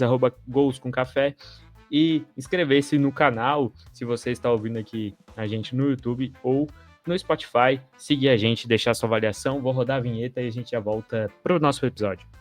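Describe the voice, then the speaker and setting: A man hosting a podcast in a casual chat, loud and joking, with a Brazilian Portuguese accent. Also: medium pitch, normal speed, faint music behind. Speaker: podcast host.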